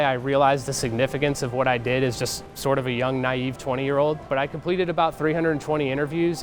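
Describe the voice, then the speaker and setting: An American man in his thirties, earnest and articulate, recalling his work as a museum staffer in an interview. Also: mid-range voice. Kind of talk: interview, reflective recollection.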